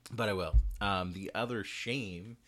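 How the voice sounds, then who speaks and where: This man co-hosts a podcast from a small bedroom with its door shut, his lowish voice moving at a measured pace. The talk is a casual, animated chat about a hobby, with frequent laughter.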